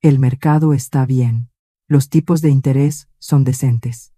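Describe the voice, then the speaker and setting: A woman's voice: rumbling low, steady tone, measured pace, dark tone, dry recording, clean studio sound. A woman reading the lines of a smug, pushy son-in-law in an audio story, casual and overbearing.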